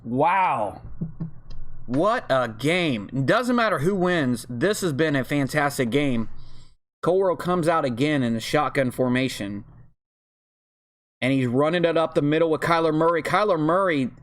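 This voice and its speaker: A man with a slightly high voice calls a football video game from home in a loose, chatty play-by-play style. He is full of slang and fillers. When a big play lands, he jumps into excited shouts. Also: measured pace. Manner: excitable, bursts into loud yells on big plays. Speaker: league host and game commentator. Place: at home, with family in the room above.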